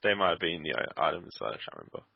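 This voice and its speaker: A man's voice: sits low, animated, racing, gravelly, slightly rough, no room sound. A man rambling and grumbling sarcastically to his co-host while they play a game at his computer. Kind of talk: casual gaming chat. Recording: dull lo-fi dry sound.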